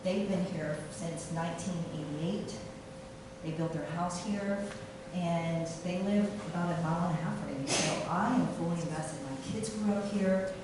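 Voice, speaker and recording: Middle-aged woman candidate, low voice, halting stump speech, echoey distant room mic with noise. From Taiwan. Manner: halting, with fillers and restarts. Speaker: city council candidate. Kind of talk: campaign speech. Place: meeting room. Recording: echoey room from far off, noisy.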